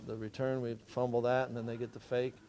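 A man's voice: medium pitch, level tone, fairly quick, background noise. A middle-aged man, a head football coach, giving plainspoken, understated answers at a postgame press conference.

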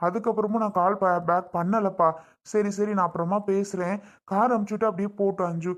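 A steady, reassuring elder brother, played by a woman in a family skit. He speaks plainly and matter-of-factly to calm the family. The voice is mid-pitched with a slightly lowered tone. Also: fairly quick, natural voice.

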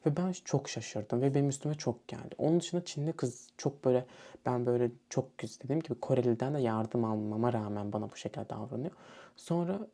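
A man's voice: mid-range voice, quick pace, gravelly, dark tone. A young man from Turkey telling a story casually and animatedly, acting out what other people said. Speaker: student vlogger.

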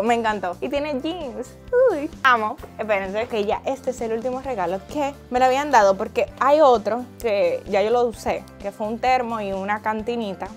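Gushing mom, high voice. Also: female voice. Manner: gushing, animated, squeals over cute things, drops English words. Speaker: mother unboxing birthday gifts. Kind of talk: casual vlog chat.

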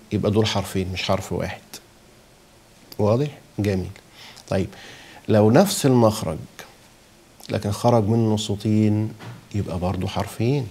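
A man's voice: fairly low pitch, creaky, a little mellow, husky. A man with an Egyptian Arabic accent teaching a lesson on letter sounds, often checking that listeners follow and saying the sounds aloud to show them. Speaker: Quran recitation teacher. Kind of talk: explaining a lesson.

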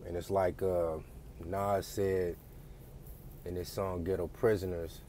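Man, deep voice, blunt profane rant, lecturing tone, faint ambient hiss. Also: flat delivery, takes it slowly, dark tone. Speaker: vlogger. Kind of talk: casual ranting monologue.

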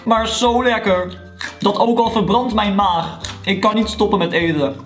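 A YouTuber unboxing a mystery box, animated and exclaiming loudly, with English words thrown in. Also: medium pitch, normal speed. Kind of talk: excited unboxing vlog. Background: background music.

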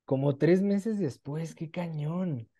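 A man in his twenties with a Mexican accent interviews someone casually and enthusiastically on a video call from a small room at home. His voice is a little high, slow and mellow.

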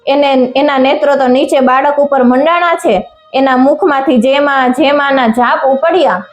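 A woman's voice: high voice, moderate pace. A woman reading a folk tale aloud with dramatic storytelling and a few slips and restarts. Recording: echoey room with faint music.

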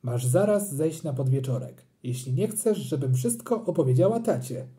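Reader doing a scolding mother, exasperated, shrill outbursts, mellow dark tone, storybook. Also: animated, moderate pace, lightly acted. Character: harried scolding mother, adult woman. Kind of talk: audiobook character reading.

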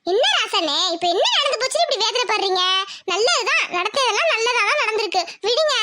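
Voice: extremely high pitch, animated, heavy background noise. A performer voicing an outspoken village neighbor woman who urges the father home, in a cartoon. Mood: persuasive. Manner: brisk, persuasive.

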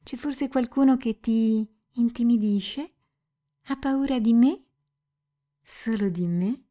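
A woman's voice: on the high side, slow, mellow, voice pushed up. A woman reading an audiobook and voicing a passionate, tearful young woman with a pleading, emotional manner. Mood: tender.

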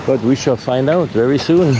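A man in his forties strolls through island streets with an action camera held out in front of him, chatting to viewers in a relaxed, repetitive way. His voice sits at an ordinary middle pitch. Steady street and vehicle noise runs behind him outdoors. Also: moderate pace. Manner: relaxed, repeats himself, chatty asides to viewers. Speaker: travel vlogger. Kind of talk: casual walking vlog. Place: outdoors on sunny dirt streets of a small island town. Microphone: action camera held at arm's length while walking.

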